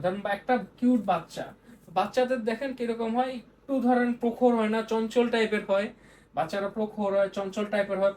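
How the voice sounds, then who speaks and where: A young woman tutors vocabulary at a brisk clip, chatty and prone to repeating each word as she explains. Her pitch sits in an ordinary middle range. Faint background noise runs under the recording. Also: a little mellow. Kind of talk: casual explanatory lesson.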